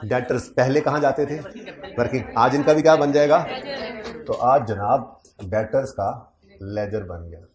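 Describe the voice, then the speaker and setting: Male accounting lecturer, mid-pitch, quizzes the class with dry teasing asides. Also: unhurried, crowd noise.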